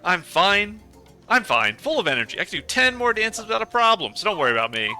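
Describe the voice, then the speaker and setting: A man's voice: high-pitched, big pitch swings, a little fast, pushed and bright, faint music behind, pitched above the performer's own voice, full character voice. A man reading the lines of a cheerful young woman idol, in a perky, reassuring way.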